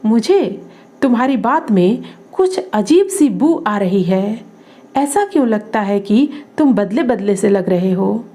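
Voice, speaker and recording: A woman reading the lines of a sharp-tongued young woman in a storybook drama, tart and scolding. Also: mid-range voice, lively intonation, takes it slowly. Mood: flustered.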